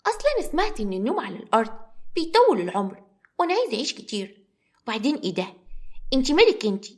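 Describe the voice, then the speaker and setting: A woman's voice: on the high side, very animated, rapid-fire. A woman doing a sassy bossy little girl.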